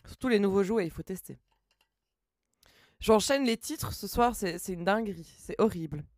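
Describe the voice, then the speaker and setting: A woman's voice: mid-range voice, moderate pace, darkish tone, no room sound, clean studio sound. A woman streaming live, chatting casually and reading her chat aloud, laughing often.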